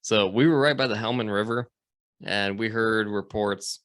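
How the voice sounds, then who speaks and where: A slightly low-voiced man from the United States chats casually on his podcast, telling a story in a loose, rambling way. He swears a lot and leans on fillers like "like" and "you know". The sound is close and dry. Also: normal speed, a bit bright, no room sound. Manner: rambling, profane, lots of fillers. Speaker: podcast host.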